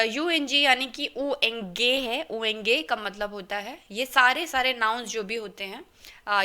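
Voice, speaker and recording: A woman with an Indian accent teaching German in Hindi, her voice sitting a little high and sounding clear and bright. She explains patiently, keeps asking "okay?", and spells words out letter by letter. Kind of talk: explaining a lesson in Hindi and English.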